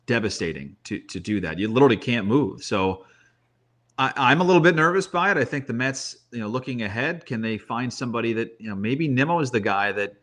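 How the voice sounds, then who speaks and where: In lively baseball chat, this man drifts into anecdotes while pressing his points with emphasis. His medium-pitched, somewhat bright voice moves a little fast with animated intonation.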